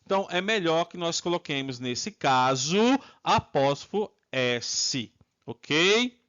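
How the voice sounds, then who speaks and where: A Brazilian man with a Brazilian Portuguese accent teaching English grammar, drilling students with repeated prompts and modeling phrases slowly. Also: a little high, lively intonation, fairly bright tone, lo-fi sound. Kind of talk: online English lesson.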